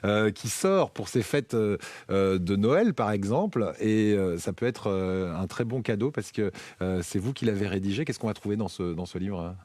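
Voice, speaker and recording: A man hosting a chatty broadcast interview, with halting phrasing and lots of filled pauses. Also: lowish voice, lively intonation, darkish tone, no echo. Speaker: broadcast show host interviewing a guest.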